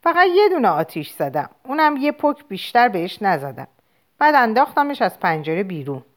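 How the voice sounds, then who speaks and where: A woman voicing a lively, playful young girl in an audiobook, with a higher, coaxing childish tone. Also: close to an everyday voice. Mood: evasive. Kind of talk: audiobook character voice.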